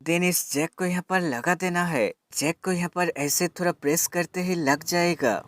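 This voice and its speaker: A man gives a how-to voice-over for a tech product demonstration, going step by step and addressing viewers as friends. His pitch is fairly high and his tone fairly bright, he speaks at normal speed, and soft music plays underneath.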